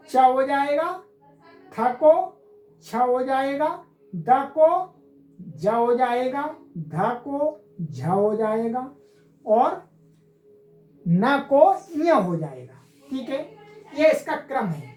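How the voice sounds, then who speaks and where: A woman's voice: high-pitched, animated, extremely slow, pauses often, dark tone, roomy sound, faint music behind, poor audio. A woman teaching Sanskrit grammar, explaining step by step and asking and answering her own questions. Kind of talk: classroom lecture.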